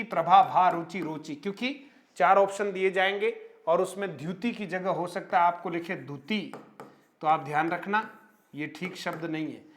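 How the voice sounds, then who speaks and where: The high-pitched, fairly bright voice belongs to a man teaching Hindi grammar for exams. Treating viewers as friends and using frequent tag questions, he runs through lists of synonyms and stops to highlight new words and how they're spelled.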